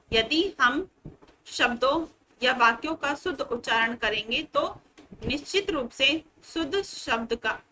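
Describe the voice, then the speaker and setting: A woman teacher giving a slow, clear Hindi grammar lesson to young children. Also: fairly high pitch, pushed and bright, slight background noise, poor audio. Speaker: school teacher.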